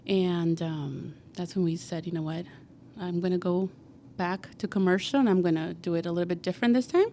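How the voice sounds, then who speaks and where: A woman's voice: fairly low pitch, a little fast, mellow, slight background noise. A woman in her forties from Guatemala, a podcast guest telling her story in a chatty way full of fillers. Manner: chatty, many fillers like "like" and "you know". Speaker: guest, cleaning company founder. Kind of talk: casual podcast interview.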